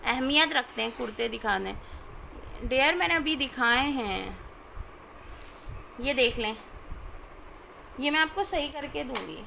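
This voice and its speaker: A woman, chatting informally as she sells clothes on a live stream and often checking in with her listeners, over clear background noise. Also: sits high, lively intonation, unhurried, long pauses, sharp tone, low-quality recording. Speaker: live online clothing seller. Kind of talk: casual live shopping sales chat.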